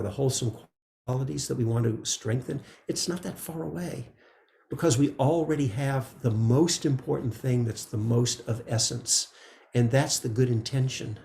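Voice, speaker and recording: A man teaching meditation in a relaxed, conversational dharma talk, often checking in with "right?". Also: medium pitch, gravelly, echoey room, a little hiss or hum. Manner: gentle, conversational, frequent "right?" asides.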